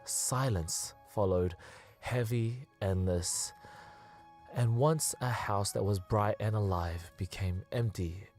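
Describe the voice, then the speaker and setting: A man narrating a story on a radio show, in a measured storytelling voice. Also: on the low side, darkish tone, faint music behind. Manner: measured narration, quick laughing chat. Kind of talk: scripted narration and casual chat.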